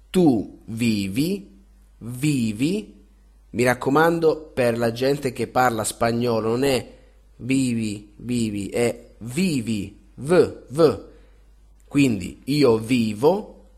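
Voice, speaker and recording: A man teaching a language lesson, saying each verb form twice with careful, clear enunciation. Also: medium pitch. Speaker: Italian teacher. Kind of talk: slow, deliberate language lesson.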